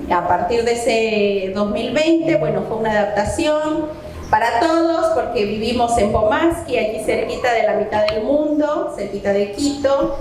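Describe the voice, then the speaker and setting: A middle-aged woman from Santo Domingo, on Ecuador's coast, leads Bible teaching and prayer at a women's conference, posing questions straight to her listeners. Her voice is a little high and darkish, with a bit of hiss or hum in an echoey church hall.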